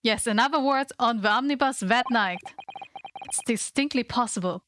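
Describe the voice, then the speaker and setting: A woman voicing an earnest, insistent male defence lawyer from a video game in a formal, deliberate way. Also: on the high side, a bit bright, slight background noise, lightly acted. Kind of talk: amateur voice acting of game dialogue. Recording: game music behind the voice.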